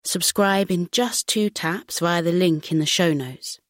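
A woman narrating scripted bedtime stories for children as a podcast host, in a soothing, unhurried sleep story manner. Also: lowish voice, no echo, studio quality.

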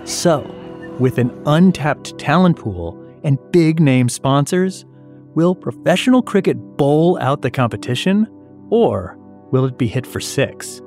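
A man hosting a news podcast, reading scripted narration and asking interview questions in a measured, lightly playful way. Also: a little high, expressive, darkish tone, faint music behind. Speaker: podcast host.

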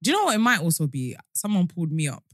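Young British woman, low voice, lively swings in pitch, frank podcast chat, dry close mic. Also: rapid-fire, no echo. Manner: frank, laughs often, lively. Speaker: podcast co-host. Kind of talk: casual chat.

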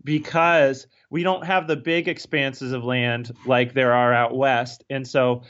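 Man, podcast guest, halting speech, dull lo-fi sound. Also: medium pitch, steady tone, fairly bright tone. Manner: hesitant, many fillers and restarts. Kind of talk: casual interview chat.

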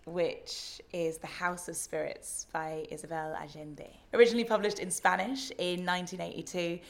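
A woman's voice: fairly low pitch, creaky. Friendly woman podcast host. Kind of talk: casual interview.

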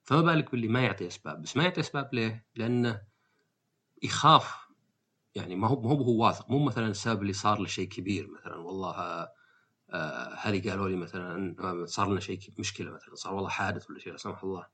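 A man's voice: low-pitched, very fast, a bit bright, breathy edge. A man hosting a podcast, talking through his thoughts in a casual monologue, full of fillers and restarts. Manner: thinking aloud, frequent fillers and restarts, slips into quoted voices. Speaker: podcast host.

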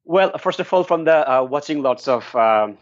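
His fairly high-pitched voice is expressive and moderately paced as this middle-aged man from Bangladesh, founder of a nonprofit, earnestly shares his story in an interview. The dry lo-fi audio is slightly muffled, with no room sound.

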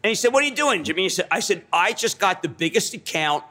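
A middle-aged man being interviewed, talking in an excitable rush and repeating key phrases for effect. His voice sits high and bright and leaps up and down through a lively range. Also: fast talker. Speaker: guest. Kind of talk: animated storytelling in conversation.

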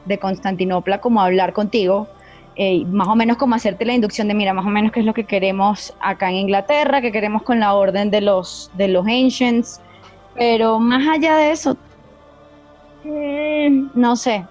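A woman's voice: mid-range voice, fairly even intonation, moderate pace, darkish tone, lo-fi sound, faint music behind. A woman giving frank opinions in a casual video game review chat, often hesitating and trailing off. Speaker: guest gamer and psychologist on a game panel.

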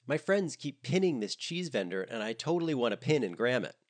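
A man's voice: medium pitch, very animated, fairly quick, voice pushed up. A man voicing a bubbly young woman tourist who gushes in a sing-song way. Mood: gushing.

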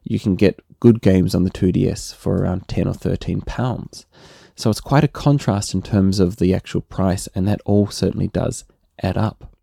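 Kiwi guy chatting on his podcast, low gravelly voice, very dry close sound. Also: moderate pace, no echo. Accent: New Zealand. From New Zealand. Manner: relaxed, conversational, often adds "right?". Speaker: podcast host. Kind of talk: solo podcast monologue.

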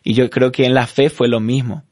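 A man's voice: mid-range voice, fairly even intonation, brisk, darkish tone, dry recording, clean studio sound. A grown son chatting and reminiscing about his parents, friendly and conversational. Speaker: adult son of S1. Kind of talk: conversational talk.

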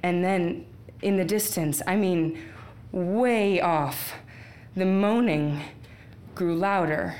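A woman telling a personal story aloud, with wry, unhurried delivery and deadpan asides. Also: lowish voice. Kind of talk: live storytelling performance.

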